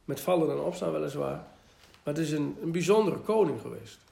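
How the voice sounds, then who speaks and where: A man giving a Bible teaching, reading scripture aloud slowly and then explaining it in a conversational way. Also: on the high side, vocal fry, warm tone, roomy sound. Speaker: preacher.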